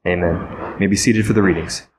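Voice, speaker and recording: A man speaking as a priest, reciting formal liturgical prayers in a solemn, measured manner. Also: lowish voice, steady tone, a little mellow, a little hiss or hum. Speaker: priest leading worship.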